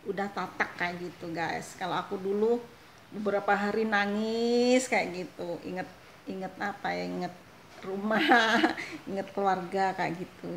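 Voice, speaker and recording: A woman's voice: mid-range voice, gravelly. Chatty Indonesian vlogger woman, echoey room. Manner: chatty, laughs often, keeps addressing viewers as guys. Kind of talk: casual vlog chat. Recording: echoey room, faint noise.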